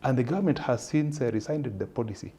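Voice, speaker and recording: As an interview guest explaining policy, this man with a Kenyan accent speaks measuredly and pauses as he hunts for the right words. He has a medium-pitched, husky voice with a dark tone, yet his delivery is animated.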